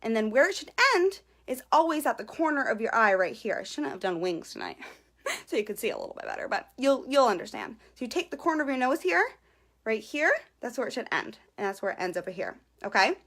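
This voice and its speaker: A young woman talks her viewers through an eyebrow tutorial on a live stream, close to her webcam. Her voice sits a little high and swings widely up and down as she chats. She sounds giggly and self-conscious, checking in with "okay?" after almost every point. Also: very animated, fairly quick, fairly bright tone. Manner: chatty, peppered with "okay?", greets viewers. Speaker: beauty vlogger.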